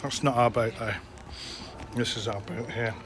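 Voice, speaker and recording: A man chatting casually as he films a travel vlog outdoors, relaxed and quick to laugh. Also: mid-range voice, over a noisy crowd. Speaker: travel vlogger. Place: outdoors at sightseeing spots. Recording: loud outdoor wind and traffic noise.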